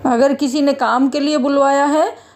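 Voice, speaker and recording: A woman's voice: high voice, steady tone, normal speed, darkish tone, voice pushed up. A woman voicing a middle-aged male security guard in a spoken story, bantering and fatherly in manner. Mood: scolding. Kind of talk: storytelling voice acting.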